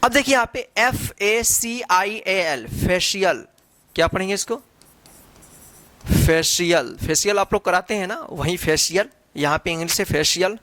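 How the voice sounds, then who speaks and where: A woman's voice: medium pitch, moderate pace, fairly bright tone, no room sound. A woman teaching a phonics lesson, spelling out letters one by one and then reading the word. She repeats each word and asks rhetorical questions as she goes. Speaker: English teacher.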